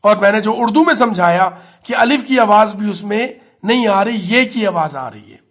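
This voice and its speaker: A man's voice: high voice, expressive, normal speed, a bit bright. A male teacher giving a classroom lesson, patiently explaining and spelling words out letter by letter. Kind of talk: classroom lesson on English articles.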